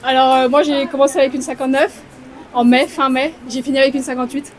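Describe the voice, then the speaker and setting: A woman's voice: high-pitched, flat delivery, fast. A woman in her twenties with a French accent, an athlete who was raised in Canada, talking in an upbeat, eager way after a race. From France, raised in Canada. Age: 20s. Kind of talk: post-race interview. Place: outdoors at a stadium. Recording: crowd noise behind.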